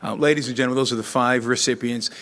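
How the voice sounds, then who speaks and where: A man's voice: medium pitch, fairly even intonation, quick pace, a bit bright. A man presenting student awards at a school board meeting, reading out long lists of names with filler words.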